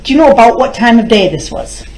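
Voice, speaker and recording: A woman's fairly high voice rings in an echoey courtroom. She is a prosecutor examining a witness, putting formal questions in a deliberate way. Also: animated, a little mellow. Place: indoors in a courtroom.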